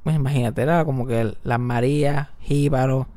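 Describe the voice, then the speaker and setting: A man's voice: brisk, dry recording. A man telling stories in casual chat, mixing in English and acting out voices in squeals. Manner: animated, mixes English into Spanish, acts out voices in high squeals. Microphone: close studio mic.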